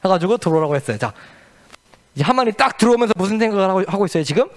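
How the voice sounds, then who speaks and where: Lively man telling a kids' bible story. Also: sits high, racing. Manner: asks the children questions, lively and playful. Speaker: children's church teacher. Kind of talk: animated children's Bible storytelling. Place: church children's service.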